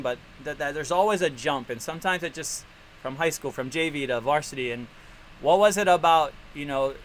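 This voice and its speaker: A man's voice: medium pitch, slight background noise. Chatty male interview host. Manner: chatty, animated questions with slang. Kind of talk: casual interview.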